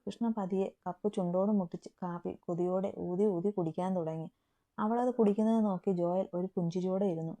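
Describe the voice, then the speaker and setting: A woman narrating a romantic story with a calm, even reading. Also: fairly low pitch, brisk.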